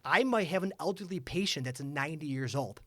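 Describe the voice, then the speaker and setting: A man, a chiropractor, talking as a guest in a casual podcast chat, energetic and full of stories. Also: on the high side, a little fast, no echo. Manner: energetic storyteller.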